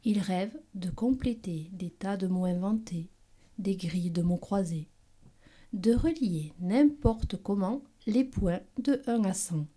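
Woman reading a picture book, calm soft and mellow. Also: mid-range voice, takes it slowly. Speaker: reader.

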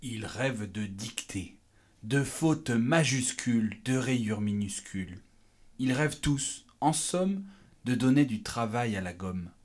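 A man reading a children's picture book aloud in a measured way. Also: mid-range voice, expressive. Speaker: reader.

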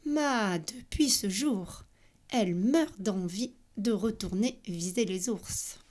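A woman reading a children's storybook aloud with expressive, playful narration. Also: mid-range voice, takes it slowly.

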